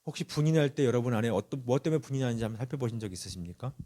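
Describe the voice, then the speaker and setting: Man preaching with lively pitch. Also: very fast. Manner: earnest preaching with anecdotes and questions to the congregation; lively rising and falling pitch. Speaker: pastor. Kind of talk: Sunday sermon.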